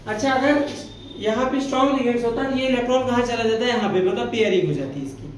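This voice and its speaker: A fast-talking male chemistry teacher with a very high voice lectures in an echoey classroom, with slight background noise present. He fires off questions to the students, answers them himself, and affectionately calls them "beta."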